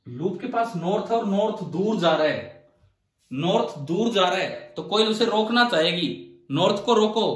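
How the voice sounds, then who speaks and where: High-voiced male teacher in an echoey room. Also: distant mic. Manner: asks the class questions and answers them himself; repeats key phrases to drive points home. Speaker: physics teacher. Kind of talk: classroom physics lecture.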